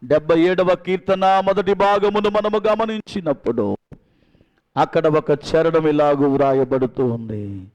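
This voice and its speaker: A man's voice: a little high, measured pace, darkish tone, echoey room. A man preaching a sermon as pastor in a church, calling out questions to the congregation and drawing answers.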